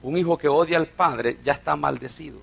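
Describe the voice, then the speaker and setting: Gravelly preacher. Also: male voice, a little high, a little fast. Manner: storytelling preacher, swings from loud to hushed. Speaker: pastor. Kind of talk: sermon.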